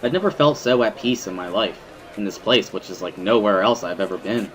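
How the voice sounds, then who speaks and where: With music playing behind him, a man reads a visual novel as first-person dramatic narration. His voice is on the low side, brisk and a bit bright, and he tells the story in an earnest, brooding way.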